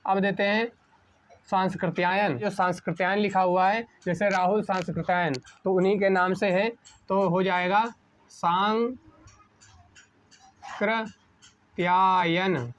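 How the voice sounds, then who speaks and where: A man teaching an exam-prep spelling lesson at a board, asking a question and answering it himself, slowing down on each correct word. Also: high voice, level tone. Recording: dull lo-fi sound.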